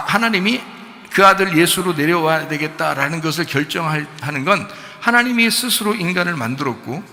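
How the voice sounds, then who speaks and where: A man's voice: fairly high pitch, vocal fry, pushed and bright, long reverb tail. A man preaching a sermon as pastor, talking in a conversational way and asking his listeners rhetorical questions. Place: church.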